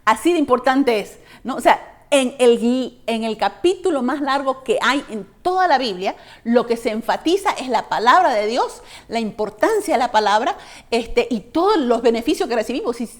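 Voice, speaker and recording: A woman with a somewhat high voice co-teaching a church Bible study. She talks conversationally and keeps checking in with rhetorical questions. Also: expressive, normal speed.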